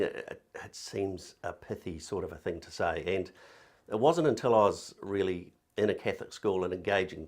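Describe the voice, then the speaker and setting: A man's voice: deep voice, darkish tone. A man with a New Zealand accent, a religious education director giving an earnest, thoughtful talk to camera, with occasional fillers and repeated words.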